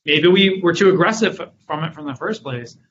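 A man's voice: on the high side, animated, moderate pace, lo-fi sound, noisy background. A man answering interview questions about running his company and telling stories from his business. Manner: storytelling, acts out his own past lines with rising energy. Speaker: guest, company founder and author.

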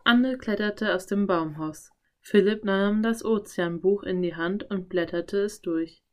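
A woman narrating a children's audiobook in a calm, clear storytelling voice. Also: mid-range voice, a little slow.

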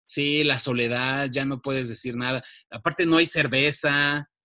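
A man with a Mexican accent co-hosting a casual chat show, laid-back and slangy, with animated bursts. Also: mid-range voice, unhurried. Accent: Mexican Spanish. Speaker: podcast co-host.

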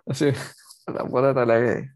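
A man chats easily as an interview guest, laughing often and slipping English phrases into his Filipino. He is from the Philippines, and his voice sits at an ordinary pitch for a man. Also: flat delivery, fast, a little mellow. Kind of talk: casual interview chat.

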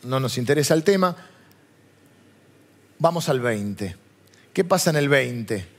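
A man's voice: medium pitch, animated, a little slow. A man with a Rioplatense Spanish accent preaching a chatty, digressive sermon and often asking his listeners questions. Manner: chatty, digressive, asks the audience. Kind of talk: conversational sermon.

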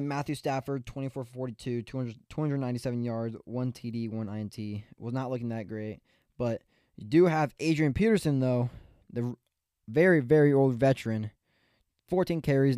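A man's voice: mid-range voice, warm tone, smooth, no room sound, clean studio sound. A man hosting a podcast, recapping football games in a rambling, opinionated way with many fillers and restarts. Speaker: podcast host. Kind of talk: casual sports recap.

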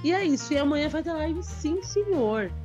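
Sleepy high-voiced woman. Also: expressive, moderate pace, a little mellow, muffled recording, faint music behind. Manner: sleepy, affectionate. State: sleepy, coughing. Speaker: livestream co-host. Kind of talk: casual livestream chat.

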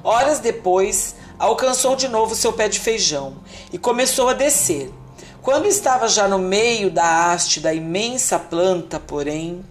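A woman reading a children's fairy tale aloud in an expressive, unhurried storytelling manner. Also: mid-range voice.

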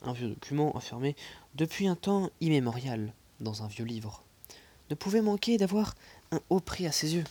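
A man reading a classic novel aloud, expressive, dropping into soft whispered passages and adding small asides. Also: fairly high pitch, moderate pace, breathy edge. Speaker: audiobook reader.

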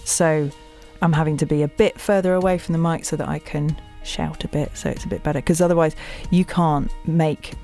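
A woman from England with a southern English accent, a voice actor and audiobook narrator, chats casually in an interview, jokey and agreeable and laughing often. Her voice is deep and dark, brisk with few pauses and fairly even intonation, with soft music in the background.

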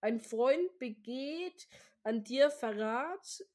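A woman voicing a misty oracle's prophecy, read slowly and solemnly. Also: high-pitched, expressive, darkish tone, full character voice. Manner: slow, drawn-out, solemn prophecy reading. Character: raspy mist oracle voiced by ghostly card players.

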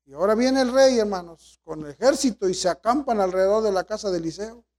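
A male pastor preaching with a very high voice. He retells scripture in lively paraphrase and keeps calling his listeners brothers. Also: quick pace. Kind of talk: sermon.

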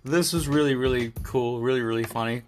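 A man's voice: mid-range voice, brisk, faint music behind. A man hosting a casual solo podcast, rambling and jokey, repeating phrases for emphasis. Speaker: podcast host. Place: indoor room in Tokyo.

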